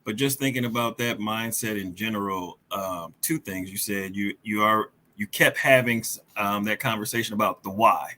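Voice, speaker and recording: A man's voice: lowish voice, normal speed, few pauses, bright, forceful tone, slight background noise. A man hosting a podcast, asking questions in a friendly, rambling way with many uhs and restarts. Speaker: podcast host. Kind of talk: casual interview.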